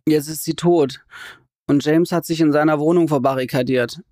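A woman reading an audiobook, voicing a shaken grown man whose voice breaks as he speaks haltingly. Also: low-pitched, steady tone, dark tone, dry recording, studio quality, close to an everyday voice. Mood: distraught. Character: shaken grown man, grief-stricken neighbour.

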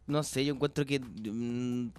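A man's voice: medium pitch, fairly even intonation, unhurried, darkish tone, clean tone, soft background music. A Chilean man co-hosting a comedic radio show in a teasing, mock-indignant way. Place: radio studio.

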